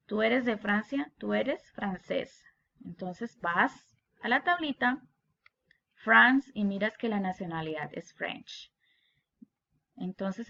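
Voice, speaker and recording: Woman, English teacher, slow delivery, bright voice, dull lo-fi audio. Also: medium pitch, gravelly. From Colombia. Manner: reads English words, then translates into Spanish. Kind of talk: slow explanatory lesson walkthrough.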